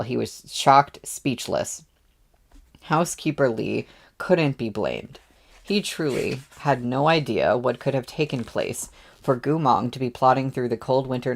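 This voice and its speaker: A man's voice: mid-range voice, gravelly. A man reading a novel aloud as narrator, with offhand asides between passages. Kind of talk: audiobook readalong.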